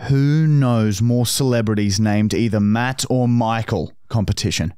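A man's voice: lowish voice, unhurried, mellow, clean tone, dry recording, clean studio sound. A man hosting a casual podcast segment, wry and explaining rules with the odd swear. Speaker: podcast host running a game segment.

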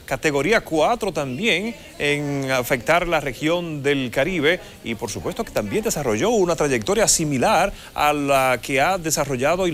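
Man, thirties, somewhat high pitch, formal weather forecaster, faint noise behind. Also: a bit bright. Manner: formal, explanatory. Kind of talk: live weather explanation. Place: TV studio. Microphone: lapel mic.

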